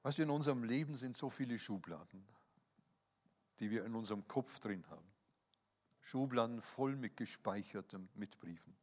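A man's voice: mid-range voice, lively intonation, moderate pace. Picture a man in the middle of a sermon, speaking earnestly and turning to his listeners with a questioning "ja?" as he goes. His voice sits in an ordinary middle register. Long reverb trails after his phrases, as in a large church hall. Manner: earnest, often adds a questioning "ja?" to address listeners. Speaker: preacher.

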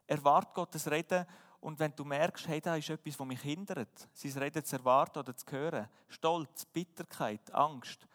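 Guy preaching, kinda high voice, earnest and emphatic, big reverby church hall. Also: moderate pace, hardly any pauses, fairly bright tone. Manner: earnest, emphatic, rhetorical questions. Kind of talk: sermon.

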